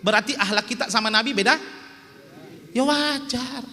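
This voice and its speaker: A man's voice: very high voice, normal speed, pushed and bright. A man preaching a humorous sermon in a small prayer hall, joking and teasing his audience.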